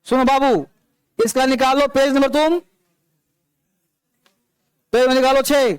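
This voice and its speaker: A man's voice: very high-pitched, level tone, measured pace, clean tone, no room sound. A man teaching an English class, explaining grammar and calling out instructions to his students. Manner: instructive, calls on students and drills them.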